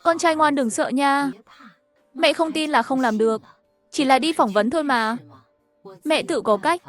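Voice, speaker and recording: A woman voicing a stubborn, fussy middle-aged mother who trusts home remedies, speaking in a bossy, self-assured way. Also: high-pitched. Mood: coaxing.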